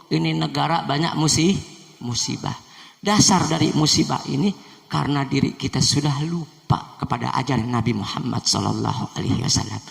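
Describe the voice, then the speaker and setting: Fervent high-voiced male preacher, echoey hall. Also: vocal fry. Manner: slangy, swings from soft coaxing to shouted prayer. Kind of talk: mosque sermon with prayer. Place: mosque gathering.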